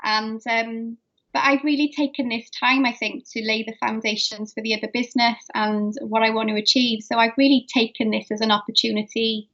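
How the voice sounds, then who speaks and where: Female, middle-aged, South Wales valleys accent, slightly high voice, casual interviewee, muffled lo-fi sound. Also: level tone, a little fast, a bit bright. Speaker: podcast guest, dance teacher and coach. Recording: dull lo-fi call audio.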